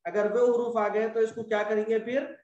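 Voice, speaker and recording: Male tajweed teacher, high voice, patient and repetitive, drawn-out examples, echoey room. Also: little pitch movement, a little mellow, distant mic, lo-fi sound, slight background noise. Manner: patient, repetitive explaining, stretches out example words. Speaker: Quran recitation teacher. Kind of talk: classroom lesson on tajweed rules.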